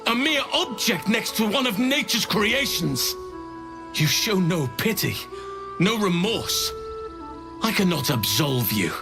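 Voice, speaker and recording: A man's voice: high voice, sing-song, slow pace, vocal fry, full character voice. A man playing a righteous druid leader in a video game, grave, commanding and declamatory. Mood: righteous fury. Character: big druid leader, righteous, solemn, angry protector of nature. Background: game music.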